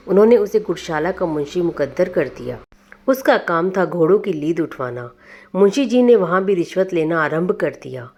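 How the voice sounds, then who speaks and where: Woman, storyteller, lowish voice, calm even narration.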